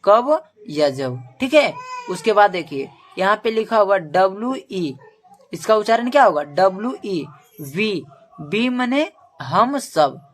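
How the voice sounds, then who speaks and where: Slow, drilling woman teacher. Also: mid-range voice. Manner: ends nearly every point with "okay"; spells words out letter by letter. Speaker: English teacher. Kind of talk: spoken lesson to camera.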